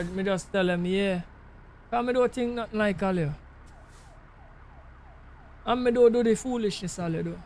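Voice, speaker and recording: A man with a Jamaican accent, hosting a gaming channel, rambling casually over gameplay and keeping checking in with the listener. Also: high voice. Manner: musing, keeps checking in with the listener. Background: truck driving game sounds.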